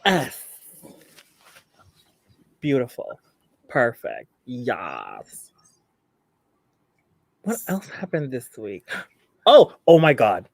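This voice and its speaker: Brief: young drag queen host, lively swooping delivery, unhurried, chatty and gushing, dry close sound. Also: medium pitch, creaky, dry recording. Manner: chatty, gushing, laughs often. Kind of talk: casual chat on a live show.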